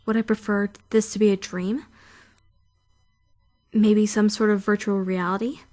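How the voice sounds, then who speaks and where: In this visual novel fandub, a woman plays a fourteen-year-old schoolgirl who is anxious and brooding, questioning herself and voicing critical, introspective thoughts in a pensive, uneasy mood. She speaks at medium pitch, level and unhurried, with a slightly mellow, natural sound. Music runs beneath her voice.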